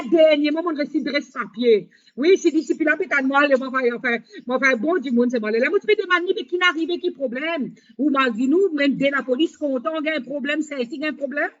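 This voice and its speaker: A woman hosting a live stream, talking in a rambling monologue with halting, repetitive, broken phrasing. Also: sits high. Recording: dull lo-fi sound.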